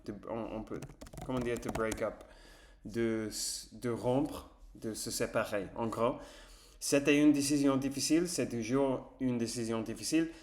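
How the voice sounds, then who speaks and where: A man's voice: mid-range voice, fairly even intonation, a little slow, darkish tone. A man with an English accent, a native English speaker practising French as a vlogger, talking casually and hesitantly with many fillers and self-corrections as he searches for words. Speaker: language-learning vlogger.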